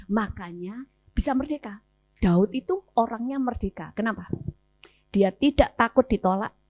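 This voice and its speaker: A woman pastor with an Indonesian accent giving a conference sermon, telling stories and acting out the dialogue. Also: mid-range voice. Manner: animated storytelling, acting out dialogue.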